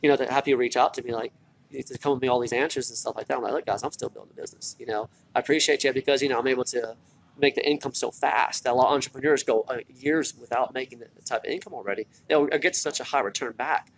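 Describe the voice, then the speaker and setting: A tired man speaks rapidly in a mid-pitched, gravelly voice. He is casual and earnest, circling back on phrases to press his point like a motivational vlogger. Faint hospital corridor noise sits behind him. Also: steady tone, low-quality recording. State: tired from little sleep. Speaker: online marketer and former military recruiter. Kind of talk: casual motivational vlog talk. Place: hospital, such as a corridor or waiting area. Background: faint hospital ambience.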